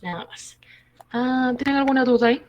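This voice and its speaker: A woman teacher giving an online language lesson, explaining patiently and repeating key phrases slowly. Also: high voice, muffled recording, a little hiss or hum.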